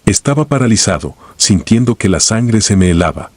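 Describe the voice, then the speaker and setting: A man with a deep, husky voice tells a first-person horror story in a grave, steady scripted narration. The sound is dry and close, with no room around it. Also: moderate pace, dry recording.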